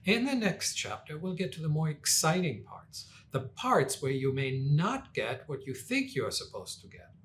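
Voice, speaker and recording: A man's voice: fairly high pitch, big pitch swings, normal speed, hardly any pauses, fairly bright tone, a little hiss or hum. A man giving a recorded finance lecture, explaining formulas with dry, wry asides.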